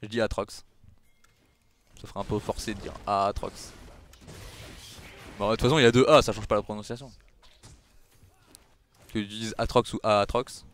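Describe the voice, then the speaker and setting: A young male streamer with a lowish voice talks briskly, pausing often, as he plays a game. He chats casually with his viewers, answering the chat and teasing them back.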